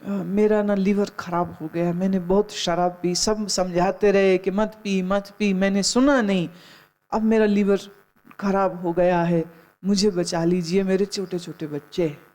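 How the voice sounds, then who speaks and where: A woman voicing a sick middle-aged man who begs for help, with a low, soft, pleading delivery. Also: level tone, unhurried, lightly acted. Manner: desperate pleading.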